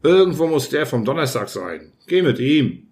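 A man doing an unhurried, phlegmatic storybook spaceman. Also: mid-range voice, sing-song, a little mellow, natural voice. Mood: offhand. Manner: unhurried, offhand. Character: phlegmatic man, his own future self, nursing a bump.

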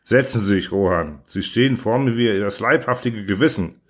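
A man doing a gruff, irritable starship commander. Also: fairly low pitch, moderate pace, natural voice. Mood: weary, blunt. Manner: blunt, sarcastic, flares into shouting. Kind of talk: audiobook character reading.

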